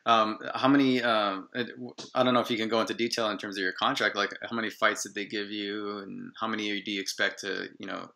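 A man hosting a podcast, asking relaxed questions and backing the guest with short yeahs. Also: lowish voice, a little fast, vocal fry, few pauses. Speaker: podcast host. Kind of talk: casual interview. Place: small room indoors. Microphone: earphone headset on video call.

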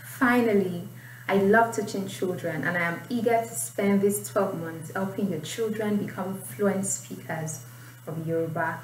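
With a mid-range voice and measured pace, a young Nigerian-accented woman leads an informal IELTS writing lesson, explaining points and reading aloud. A distant mic in a small indoor room yields a roomy recording with faint noise.

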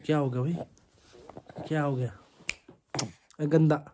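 A man's voice: a little high, fairly even intonation, unhurried, noisy background. A man with a Himachali accent filming a casual family vlog at home, playfully teasing and coaxing his baby son.

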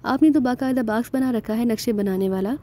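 A man's voice: extremely high pitch, brisk, mellow, slight background noise. A woman voicing a clever male secret agent who asks questions in a polite, innocent-seeming way. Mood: inquisitive.

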